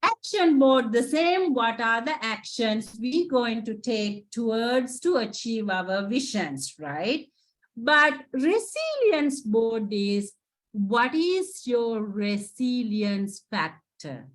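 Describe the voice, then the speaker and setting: Her voice is on the high side and swings widely in pitch as she takes things slowly. A Sri Lankan-accented Sinhala speaker from Sri Lanka, she presents to students as a psychotherapist, encouraging them and frequently adding "right?" to her points.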